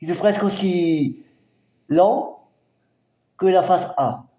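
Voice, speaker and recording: A man from France casually presenting his record collection, halting and hesitant, with many fillers. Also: high voice, warm tone, reverberant. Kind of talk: casual collection show-and-tell.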